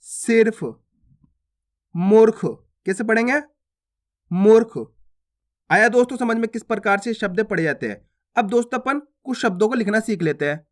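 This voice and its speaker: High-voiced man teaching reading. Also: a bit bright. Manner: repetitive drill, asks and answers own questions; addresses viewers as friends, checks understanding. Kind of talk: YouTube reading lesson.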